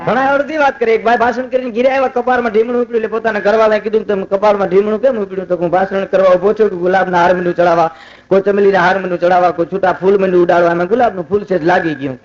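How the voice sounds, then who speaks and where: A man's voice: sits high, fairly even intonation. A man, telling funny stories and moralizing on stage at a festival program, acting out the dialogue in his anecdotes. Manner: rapid anecdotes acting out quoted dialogue, turning earnest and moralizing. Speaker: folk humorist. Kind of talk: live stage humor storytelling. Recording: lo-fi live recording with music behind.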